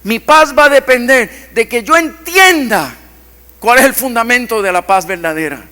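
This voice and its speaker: Impassioned high-voiced preacher in a hall. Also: male voice, animated, moderate pace. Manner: impassioned preaching, swings from loud to hushed. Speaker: pastor. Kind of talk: sermon. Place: church hall. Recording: long church-hall reverb.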